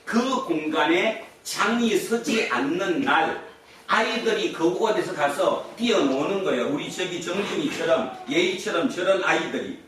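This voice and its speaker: A man's voice: high-pitched, lively intonation, measured pace, fairly bright tone, a little hiss or hum. A male pastor preaching a Sunday sermon in a conversational way, often putting questions to the congregation. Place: church sanctuary. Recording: echoey hall from far off.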